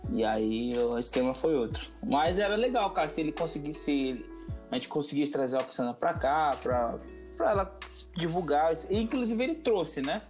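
A man from Mato Grosso do Sul talking as a podcast guest, relaxed and rambling, repeating phrases and dropping in slang. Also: a little high, moderate pace, soft background music. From Mato Grosso do Sul, Brazil. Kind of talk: casual podcast interview.

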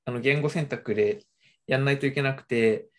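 Relaxed young adult chatting casually. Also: medium pitch, moderate pace. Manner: relaxed, hesitant, many fillers and restarts. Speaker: conversation partner. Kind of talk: casual chat.

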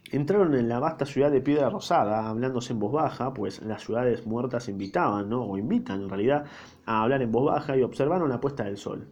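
A man's voice: medium pitch, expressive, a little fast, a little mellow. A man with a Rioplatense accent reading a book aloud and breaking in with casual, slangy comments, in a slightly dull lo-fi recording. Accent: Rioplatense Spanish. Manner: informal slangy asides.

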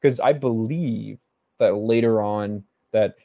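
In a fairly low, gravelly voice and at a slow pace, a man co-hosting a podcast chats loosely about music theory, thinking aloud while hedging and restarting. The sound is dry, narrow and tinny.

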